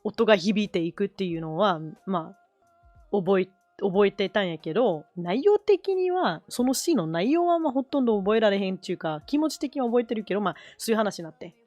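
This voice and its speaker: A woman's voice: medium pitch, expressive, fairly quick, a little mellow, no room sound, faint music behind. A woman with a Kansai accent, chatting casually as a live-stream host, rambling and correcting herself as she switches between Japanese and English. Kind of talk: casual chat while drawing.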